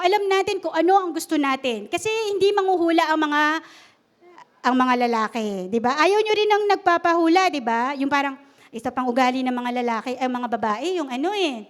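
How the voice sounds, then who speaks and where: A woman preacher giving a humorous, conversational sermon at a church service and often asking the congregation questions. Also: high-pitched.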